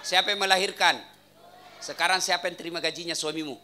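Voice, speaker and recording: A man's voice: high-pitched, fairly even intonation, quick pace, bright, forceful tone, clean tone. A man preaching a humorous sermon at a religious gathering in a home, teasing the crowd and firing questions at them. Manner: teasing, quizzes the audience.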